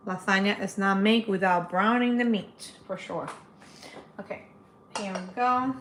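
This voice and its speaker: This cooking channel host, a woman in her forties from the Dominican Republic, chats with her live-stream audience while making food in her home kitchen. She speaks unhurriedly in a mid-range, fairly bright voice. The rough recording is roomy, with a little hiss or hum.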